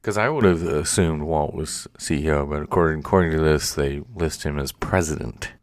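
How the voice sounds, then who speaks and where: A man with a deep, low voice hosts a casual podcast. He is relaxed and chatty and laughs easily. The sound is dry and close, with no room around it. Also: a little fast, no echo. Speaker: podcast host.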